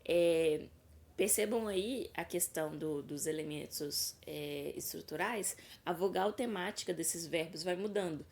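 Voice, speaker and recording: A woman talks through a grammar lesson, pausing on fillers and correcting herself as she explains. Her voice sits a little low and has a gravelly edge. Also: darkish tone, slight background noise. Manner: explanatory, many hesitation fillers and self-corrections. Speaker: teacher.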